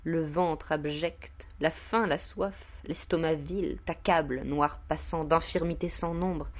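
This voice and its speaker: A woman's voice: on the low side, muffled recording. A woman reciting the scornful ancient Earth. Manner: solemn declamatory reading. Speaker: poetry reader. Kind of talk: poetry recitation.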